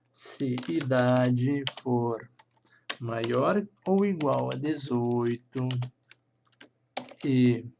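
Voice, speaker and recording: A man's voice: medium pitch, gravelly, background noise. A man with a Brazilian Portuguese accent teaching a programming lesson, thinking aloud as he types and checking in with listeners after each step. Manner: thinks aloud while typing, with frequent checking "tá?". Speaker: programming instructor. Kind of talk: screencast coding lesson.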